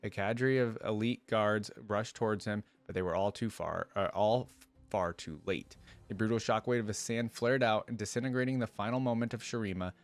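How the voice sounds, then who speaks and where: With a lowish voice, this man narrates a fantasy tale in a slow, dramatic style, tossing in offhand comments the way a fan video maker would.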